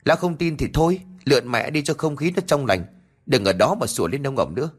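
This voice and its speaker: A man's voice: medium pitch, animated, fast talker, breathy edge, voice pushed up. A man voicing a brash, rude young village man in a storybook narration. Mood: mocking.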